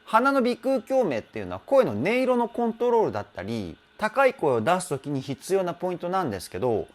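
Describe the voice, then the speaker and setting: A man's voice: high-pitched, wildly swooping pitch, fairly quick. Chatty man breaking down singing technique. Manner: chatty, self-deprecating, laughs often, hums and imitates sung phrases. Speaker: vocal trainer. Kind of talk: vocal analysis commentary.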